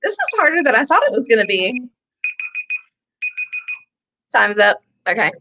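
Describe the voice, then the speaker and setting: A woman's voice: fairly high pitch, very animated, moderate pace, sharp tone. Chatty woman laughing on a lo-fi call. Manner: chatty, laughing, self-deprecating. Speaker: co-host. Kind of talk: casual chat.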